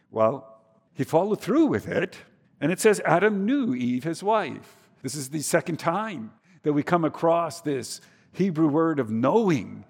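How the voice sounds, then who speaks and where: A man preaching a sermon, swinging between soft, low passages and emphatic, rising ones. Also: husky. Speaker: pastor. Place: church. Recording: reverberant church hall.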